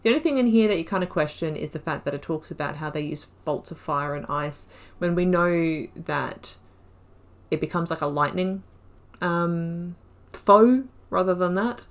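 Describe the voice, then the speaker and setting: Reading in-game lore entries aloud and thinking out loud with enthusiasm, a woman who hosts a gaming channel chats casually through a playthrough. Her voice sits on the low side, at a moderate pace.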